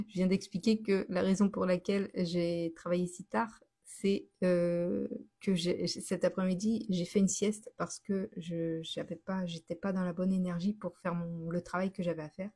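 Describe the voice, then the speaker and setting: A woman's voice: mid-range voice, mellow, breathy edge. A woman hosting her own live stream in a casual, chatty way, answering viewers as she goes, laughing often and often restarting her sentences. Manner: restarts and self-corrects often. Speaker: host of a daily live stream.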